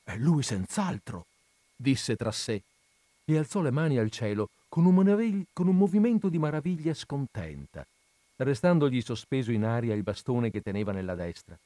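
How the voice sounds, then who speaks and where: A man hosting a reading of a classic novel, telling the story in a measured, expressive manner. His voice sits mid-range and the sound is dry and close, with no room echo. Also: mid-range voice. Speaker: reader and host.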